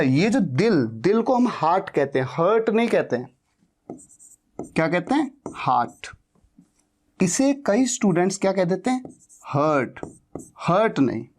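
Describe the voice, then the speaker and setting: Male spoken-English teacher, unhurried, lively pitch, repeats each word many times. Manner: drills words slowly, repeating them. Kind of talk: pronunciation lesson.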